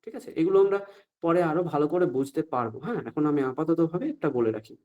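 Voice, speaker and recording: Patient male teacher, mellow, quizzing his class. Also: a little high, expressive, highs cut off. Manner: asks the class frequent check-up questions, slow deliberate recitation of examples. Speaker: Sanskrit teacher. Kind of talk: online class explaining pronunciation.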